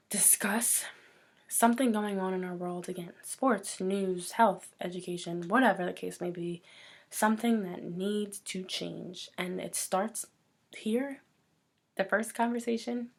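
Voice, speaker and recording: A woman hosting her own talk show, delivering an earnest, impassioned rant and going hoarse from it. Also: on the low side. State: losing her voice. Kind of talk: personal talk show monologue.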